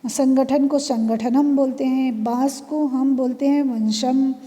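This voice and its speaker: A patient woman teacher with a fairly high, mellow voice walks through exercise answers step by step, repeating key words as she goes. The recording carries a long reverb. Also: fairly even intonation, takes it slowly. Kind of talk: classroom lesson explaining exercise answers. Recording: long reverb, room echo.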